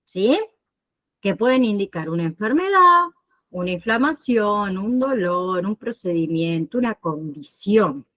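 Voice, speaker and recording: A woman instructor teaching an online nursing class, explaining slowly and often pausing to check that students follow. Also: mid-range voice, animated, muffled recording. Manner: explains slowly, checks understanding with frequent "¿sí?" and "¿bien?".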